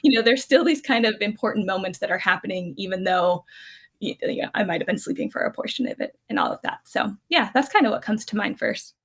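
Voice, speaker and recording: Husky, fairly bright and mid-range, her voice moves a little fast and sounds very animated. She's a Californian in her thirties, guesting on a podcast to tell family stories casually, chatty and rambling, full of restarts and fillers, quick to laugh.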